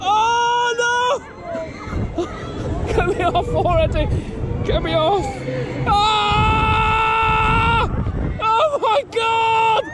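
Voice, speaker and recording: A man is riding a thrill ride and reacting out loud in a very high, screaming voice. His exclamations come in slow, stretched bursts between whoops. The outdoor recording is full of crowd and ride noise. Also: steady tone. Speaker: vlogger reviewing a fairground ride. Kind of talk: excited on-ride vlog reaction. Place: outdoors on a spinning fairground ride. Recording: noisy outdoor fairground, crowd and ride din.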